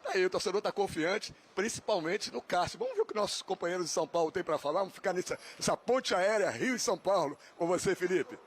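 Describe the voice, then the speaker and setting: A man reporting live on location and interviewing a fan, in a brisk, lively manner. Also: sits high, slightly rough. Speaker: field reporter.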